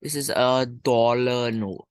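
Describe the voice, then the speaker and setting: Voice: medium pitch, steady tone, slow pace, clean tone, no echo, clean studio sound. A teacher with a Malaysian or Singaporean English accent, talking informally through lesson exercises and thinking aloud with colloquial particles. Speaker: primary school English teacher.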